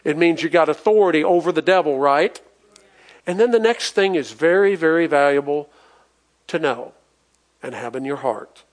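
A man's voice: fairly high pitch, animated, moderate pace, pauses often. A pastor preaching a sermon to his congregation, reading scripture aloud and asking the people questions. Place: church in front of a congregation.

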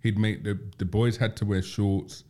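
A young man with a South London accent hosting a casual podcast chat, chatty and quick to laugh at himself. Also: fairly low pitch, level tone, dark tone. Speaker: podcast host.

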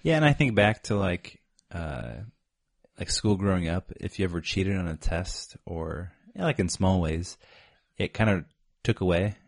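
A man co-hosting a sports podcast, telling facts in a measured, casual way. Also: sits low, lively intonation, vocal fry, no echo, clean studio sound. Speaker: podcast co-host. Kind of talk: casual chat.

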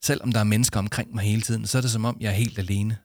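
En mand, der spiller en genert og ensom skoledreng, som taler tøvende og usikkert. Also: male voice, fairly low pitch, fairly even intonation, a little mellow, dry recording, studio quality. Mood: hesitant, lonely. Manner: hesitant, unsure. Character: shy lonely schoolboy, hesitant.

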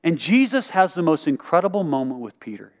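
Animated preacher in an echoing hall. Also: male voice, a little high, a little fast. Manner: animated storytelling, acts out quotes. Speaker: pastor. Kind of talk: sermon.

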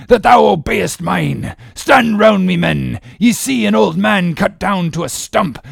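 An old, commanding whaling captain, consumed by obsession. The voice is raised in pitch and heavily gravelled, with a husky rasp. He declaims in grand archaic sea language, as in a storybook drama. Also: dry recording, clean studio sound, exaggerated voice. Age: older. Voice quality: gravelly, raspy. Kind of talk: dramatic audiobook character reading.

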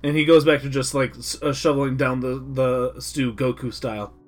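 A man's voice: medium pitch, faint music behind. A man playing a tabletop game who narrates his character with stammers and laughs. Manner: slow, giggly, stammering. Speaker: player. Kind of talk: tabletop role-play.

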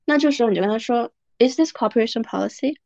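A woman's voice: on the high side, fast talker, gravelly, darkish tone, no room sound. Chatty woman host, dry dull sound. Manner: chatty, frank, acts out quoted people. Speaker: podcast host. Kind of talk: casual advice monologue.

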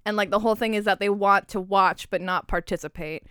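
A young woman from Canada telling a story in casual chat, excited, swearing freely and laughing as she goes. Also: medium pitch, a little fast, smooth, no room sound, clean studio sound. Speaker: podcast co-host.

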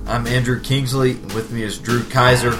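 A man co-hosting a casual Bible study podcast, speaking at a middling pitch. He talks in a relaxed, wry way, thinking aloud with fillers. Soft guitar music plays faintly underneath. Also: normal speed. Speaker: podcast co-host.

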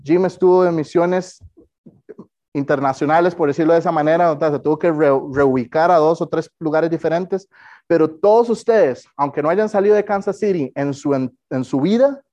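A man's voice: on the high side, moderate pace, warm tone, dull audio. A man preaching a sermon in a conversational way, often putting direct questions to his congregation. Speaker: pastor.

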